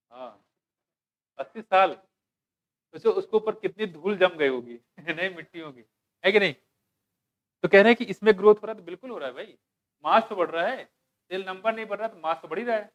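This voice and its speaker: A man teaching a biology class, asking students questions, joking and reading textbook lines slowly. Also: high-pitched, a bit bright. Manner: asks students questions and jokes, mixing Hindi with English textbook lines; slows down to read English lines aloud. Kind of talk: classroom lecture.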